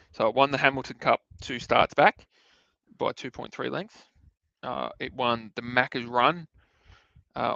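An Australian man co-hosting a podcast of casual sports betting chat, with a hesitant, halting delivery. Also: medium pitch, gravelly, bright, forceful tone, dry recording. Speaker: podcast co-host. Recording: dull, close dry sound.

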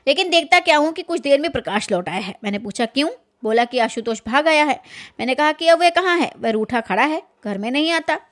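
Woman, high-pitched voice, storyteller, reads aloud, reflective afterword. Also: lively intonation, fairly quick, fairly bright tone. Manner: reads dramatically, then comments with fillers. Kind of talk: reading a short story aloud.

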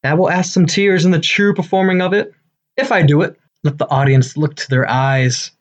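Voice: medium pitch, moderate pace, lightly acted. A self-important amateur thespian of a man, as an actor plays him, declaiming eagerly and bombastically. It is Shakespearean comedy, in a slightly dull recording. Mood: boastful. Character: Bottom, boastful, eager amateur-actor weaver, adult man.

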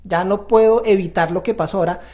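A man's voice: sits high, fast, darkish tone. A man hosting a faith-based parenting talk, earnest and confessional as he speaks straight to viewers. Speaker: parenting show host.

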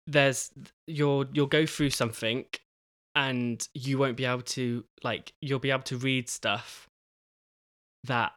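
Young man, podcast host, casual solo talk, halting speech, frequent pauses, mid-pitched voice, dry sound. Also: fairly bright tone, dry recording. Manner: halting, many pauses and restarts.

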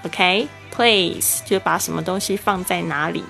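Lady doing an english lesson podcast, spells stuff out slow, bit of vocal fry. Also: on the low side, bright, forceful tone, faint music behind. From Taiwan. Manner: explanatory, spells words out letter by letter, repeats English phrases slowly. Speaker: English teacher and podcast host.

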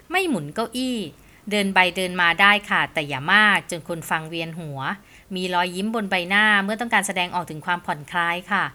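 Bright-voiced woman giving a podcast lesson. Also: medium pitch. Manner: polite, measured delivery with punchy lists. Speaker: podcast host. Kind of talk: scripted podcast lesson on communication. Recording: soft music bed behind the voice.

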